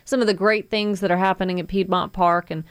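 A woman's voice: medium pitch, steady tone, brisk, clear, resonant tone, dry recording. A woman radio host with an informal, chatty way, announcing in the manner of a live contest promo from a studio, close on the mic. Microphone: close studio microphone.

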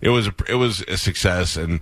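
A very low-voiced man hosts a casual radio chat from a dead, dry studio with no echo, recounting events loosely and drifting through fillers and asides. His tone is matter-of-fact, a bit bright, and fairly quick.

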